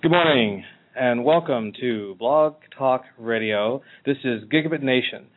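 A man hosting a talk radio interview in a halting, conversational way. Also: medium pitch. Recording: tinny phone-like internet radio line.

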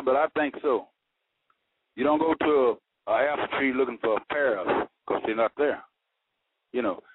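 A gravelly, somewhat high male voice calls into a radio show through a tinny line with static. He speaks casually and earnestly in a folksy way, dropping homespun sayings.

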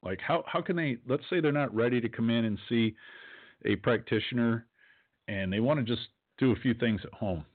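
A man's voice: medium pitch, moderate pace. A man hosting a talk show, agreeing with his guest and then asking reflective questions. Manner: agreeable, brief acknowledgements, reflective. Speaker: host. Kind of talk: interviewer in conversation. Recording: tinny phone-like line.

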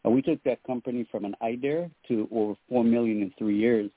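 A man's voice: mid-range voice, a little fast, dry recording. A middle-aged man from Trinidad and Tobago, a guest on a radio interview, talking earnestly about his faith and work with many fillers. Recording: tinny phone line, dry.

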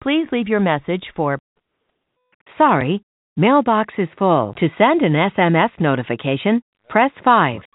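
A woman's recorded phone message sounds thin and phone-like, as if played over a speakerphone. It is a slow, formal voicemail prompt with a lively, sing-song lilt and a dry, close sound. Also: medium pitch, dry recording.

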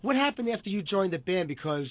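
A man's voice: sits high, big pitch swings, quick pace, no echo. A man hosting a casual live radio show, his voice worn by a cold. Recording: phone-like lo-fi audio.

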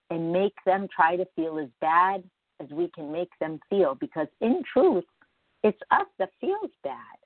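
A woman's voice: medium pitch, dry recording. Woman, morning show host, conversational, emphatic, reflective talk to listeners, close dry sound, narrow muffled audio.

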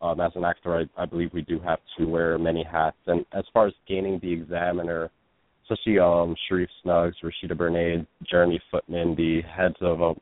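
A man speaks as an interview guest, explaining his work in an earnest, searching way. His voice is very low-pitched. The sound is dry and thin, as if over a phone line. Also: completely flat delivery, a little fast, no echo. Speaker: actor and producer guest. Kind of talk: interview answers.

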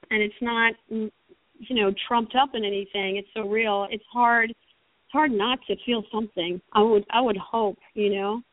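Calling in for an interview, a middle-aged screenwriter from the United States talks with passion, wandering and restarting often. Her slightly high voice comes through a tinny phone connection without any echo.

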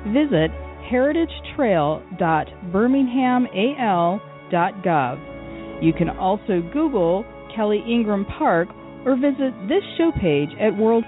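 A woman reading scripted, informational show notes in a clear way. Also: medium pitch. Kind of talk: scripted narration. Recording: tinny lo-fi audio with faint music.

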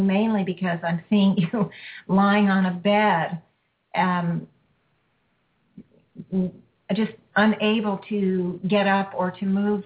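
Woman, healing host, soothing repetitive phrasing, tinny phone-quality audio. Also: mid-range voice. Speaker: energy healing radio host. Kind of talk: guided healing session with a caller.

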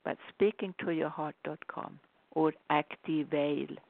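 A woman's voice: deep voice, steady tone, gravelly. A woman speaking as a spiritual guide in a soothing, repetitive way, moving between inspirational talk and guided relaxation. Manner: unhurried, soothing, repetitive phrasing. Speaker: spiritual author and meditation guide. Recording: dull, narrow phone-like sound.

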